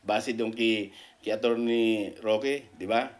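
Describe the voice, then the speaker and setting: A man giving casual political commentary as a vlogger, animated and repetitive, his voice jumping up in pitch when he makes a point. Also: a little slow. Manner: animated, repetitive, keeps asking "di ba?"; rises sharply in pitch when making a point.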